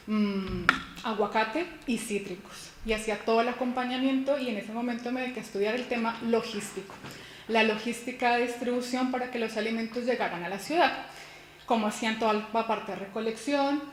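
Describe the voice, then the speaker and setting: A Colombian woman in her thirties, a university lecturer, gives a keynote in a conference hall, explaining things personally with rhetorical questions and a few restarts. Her voice is on the high side, and the echoey hall adds faint noise.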